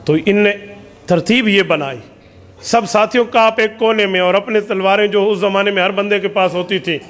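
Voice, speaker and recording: Male preacher, animated storytelling sermon, pretty high voice, big reverb hall.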